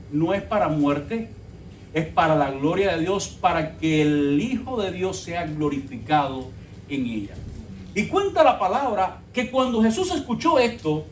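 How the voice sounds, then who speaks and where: A man's voice: sits high, a little hiss or hum. A man preaching a sermon as pastor, telling the story dramatically and calling the congregation brothers. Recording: echoey church from far off.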